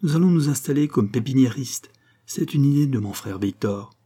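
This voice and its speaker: A man voicing a grumbling middle-aged farmer who speaks gruffly and sounds resigned. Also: medium pitch, animated, normal speed, mellow, voice pushed up. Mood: flat, resigned. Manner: gruff, quarrelsome.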